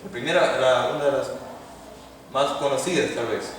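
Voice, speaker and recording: A man teaches a Hebrew class, explaining patiently step by step and often checking in with his students. His voice sits at a middling pitch. The recording is distant and roomy, with a long hall reverb. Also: normal speed, noisy background. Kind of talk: classroom lecture. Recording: echoey hall from far off.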